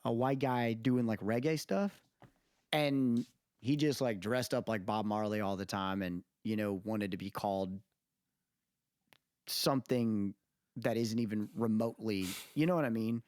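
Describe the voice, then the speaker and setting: This podcast host is a man with a lowish, steady, slightly mellow voice, speaking a little slowly. He's slangy and opinionated in casual conversation, often tacking on tag questions to make sure listeners agree and follow along. Clean studio sound, no echo.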